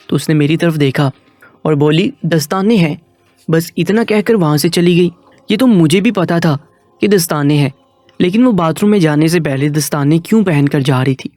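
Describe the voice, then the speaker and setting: Male storyteller with a fairly high voice, dry close sound, soft music underneath. Steady, even read. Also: no echo. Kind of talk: scripted first-person story narration.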